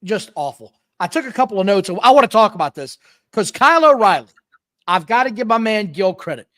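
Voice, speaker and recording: A man co-hosting a podcast, talking in an animated, opinionated way in casual chat. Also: sits high, a little fast. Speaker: podcast co-host.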